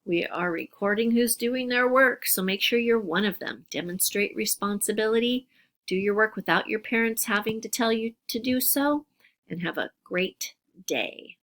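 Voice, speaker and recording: An upbeat woman teacher talks young children through a recorded phonics lesson. She speaks clearly and carefully, sounding out words for the class. Her pitch sits in an ordinary middle range. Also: normal speed, a bit bright.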